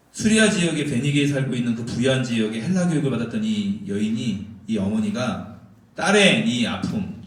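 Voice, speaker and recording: A male pastor preaching a sermon in a church and acting out the Bible quotes. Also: mid-range voice. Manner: animated, acts out the Bible quotes. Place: church sanctuary. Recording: very echoey hall, mic far off.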